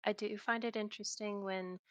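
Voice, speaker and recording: A woman's voice: medium pitch, steady tone, brisk, dry recording. A woman talking as a guest on a podcast about game venue greeting, hesitant and full of fillers. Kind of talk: casual podcast chat.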